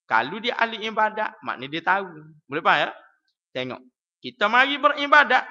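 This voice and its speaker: Malaysian man, evening mosque lecture, slightly high voice, bright, muffled live-stream audio. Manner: lively, teasing the audience with questions, chants verses slowly. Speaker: religious teacher. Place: prayer hall.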